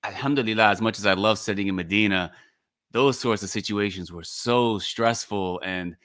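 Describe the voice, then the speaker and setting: A man's voice: fairly low pitch, moderate pace, fairly bright tone. A man hosting a casual interview, laid-back, laughing along and adding follow-up remarks. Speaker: podcast host.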